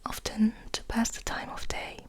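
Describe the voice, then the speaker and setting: Softly whispering in ASMR style, a woman host reads and rambles, her manner gentle, hushed and slow.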